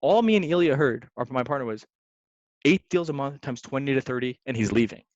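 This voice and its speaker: A young man, a real estate investor, telling stories in a casual podcast chat, slangy and lively, calling people "man" and "dude". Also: mid-range voice, fairly quick, no room sound. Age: young adult. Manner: animated, slangy, says "man" and "dude" often. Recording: dry, slightly dull sound.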